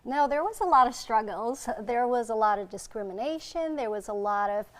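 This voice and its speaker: A woman from Vietnam with a slightly high voice, appearing as a guest doctor on a TV interview. She tells her story earnestly and from the heart. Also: animated, normal speed. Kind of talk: TV interview answers.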